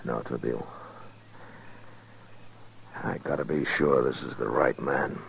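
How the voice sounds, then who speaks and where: An American actor playing a steady, determined frontier marshal in a 1950s radio western. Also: male voice, rumbling low, takes it slowly, creaky, full character voice. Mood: low, resolute. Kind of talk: 1950s radio drama acting. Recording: muffled, noisy 1950s radio recording.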